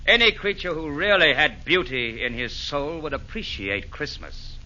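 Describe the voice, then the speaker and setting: An actor playing a calm, genial Santa Claus who chides gently in rhyming verse in a 1940s radio play. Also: male voice, on the high side, normal speed. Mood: earnest. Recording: dull lo-fi 1940s radio recording.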